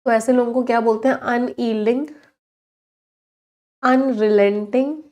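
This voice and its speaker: Indian woman teaching vocabulary, higher voice. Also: fairly even intonation, mellow. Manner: quizzing students, drawing out each English word slowly. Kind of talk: live online exam-prep class.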